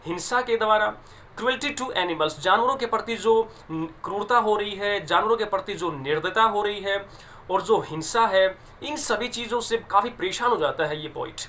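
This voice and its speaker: Bright-voiced teacher explaining a poem. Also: male voice, sits high, slight background noise. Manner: explains English lines in Hindi, stresses pronunciation; slow deliberate reading of English phrases. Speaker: English teacher. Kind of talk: classroom lesson explaining a poem.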